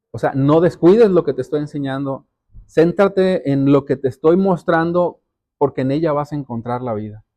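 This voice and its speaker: A man's voice: fairly high pitch, mellow. A man preaching a sermon as pastor, speaking earnestly to the congregation and often repeating words as he builds a point. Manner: addresses listeners directly as brothers and sisters.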